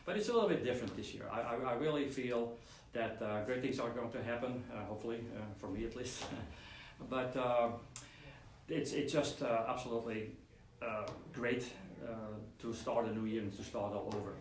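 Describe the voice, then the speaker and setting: A man's voice: medium pitch, moderate pace. A man hosting a casual weekly live stream, talking in a loose, rambling way with lots of fillers and restarts. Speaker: host of a weekly model-kit live stream. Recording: roomy echo, speaker away from the mic, faint room hum.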